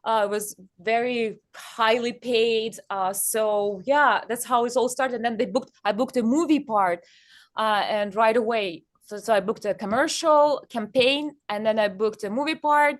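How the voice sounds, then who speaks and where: A young woman from Kazakhstan, a guest chatting in an interview on stage, speaking haltingly with many fillers. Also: on the high side.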